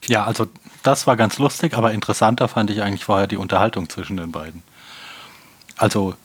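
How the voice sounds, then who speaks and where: Man, low husky voice, dry sound, casual recap, stumbling restarts. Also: steady tone, fast, dry recording. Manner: stumbling restarts, repeated words. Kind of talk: casual chat recapping a TV episode.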